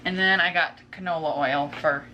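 Low-voiced, with fairly even intonation at normal speed, this woman in her twenties comes through on dull audio. A vlogger and stay-at-home mother, she chats casually to camera indoors in her home kitchen, showing off groceries and wandering into asides. Room ambience makes the home recording clearly noisy.

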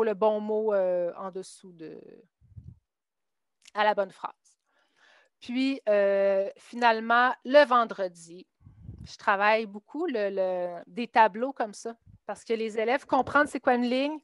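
A woman's voice: a little high, clean tone, dry recording, clean studio sound. A woman teacher with a Québécois accent, explaining her reading lessons step by step and acting out what she tells her students. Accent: Québécois French. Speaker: literacy teacher for adult immigrants. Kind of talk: explaining her classroom method at a teachers' meeting.

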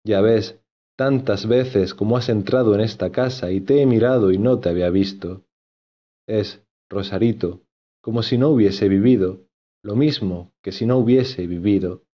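A man voicing an agitated, lovesick young gentleman from an old novel. He talks earnestly and insistently in a low voice. The recording sounds dull and lo-fi. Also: moderate pace, natural voice. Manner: earnest, insistent, repeats himself.

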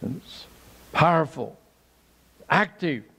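A man in his sixties, a pastor, preaching a sermon with emphatic bursts that jump up to high exclaims. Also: animated, slow pace, fairly bright tone, breathy edge, in a large hall, rough recording. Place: church sanctuary.

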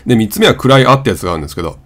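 A man's voice: mid-range voice, animated, very fast, fairly bright tone. A man whose first language is Japanese, casually teaching English pronunciation and drawing out vowel sounds as examples. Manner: demonstrates vowel sounds, repeating and drawing them out. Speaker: channel host.

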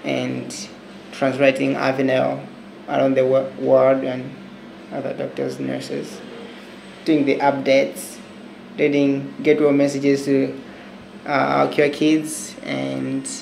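A man with a Malawian accent introducing his work in a halting way, searching for words. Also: mid-range voice, completely flat delivery, creaky, a little mellow, reverberant, a little hiss or hum, rough recording. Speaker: charity staff writer and translator.

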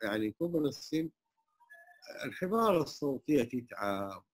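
A man's voice: medium pitch, big pitch swings, normal speed, breathy edge, soft background music. An older man with a Hijazi Arabic accent speaking in an open conversation at a community hall, humble and emphatic, with many religious phrases. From Saudi Arabia. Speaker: interviewee, traditional singer and muezzin.

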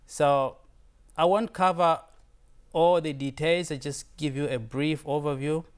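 Unhurried and steady, his clean voice on the high side, a visiting fellow from Tanzania presents slides informally. He is in his thirties, a native Swahili speaker with a Tanzanian accent, and his earnest delivery includes many repetitions and restarts.

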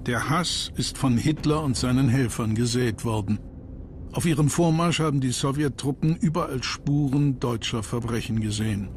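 A man reading a scripted history documentary narration in a sober, measured manner. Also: medium pitch, slight background noise. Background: background music.

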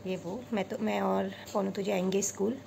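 A woman's voice: medium pitch, flat delivery, moderate pace, gravelly, noisy background. A woman vlogging casually about her family, coaxing her children to talk. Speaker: vlogger, mother. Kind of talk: casual family vlog chat.

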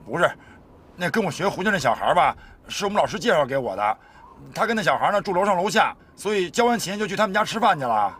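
A young man under arrest. He sounds defensive as he explains himself. His voice is high and quick. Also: sing-song, fairly bright tone, slightly rough, heavily acted.

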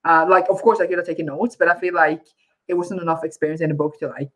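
A woman's voice: lowish voice, steady tone, quick pace, low-quality recording. A woman co-hosting a book club, chatting casually and hesitantly, with frequent restarts and filler words.

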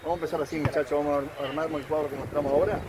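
An older man with a Rioplatense accent giving a halting, repetitive halftime team talk as an amateur football coach. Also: a little high, steady tone, very noisy. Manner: rambling, halting instructions with repetitions. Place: outdoors beside a football pitch. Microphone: phone a few steps away. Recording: outdoor phone recording with loud group chatter.

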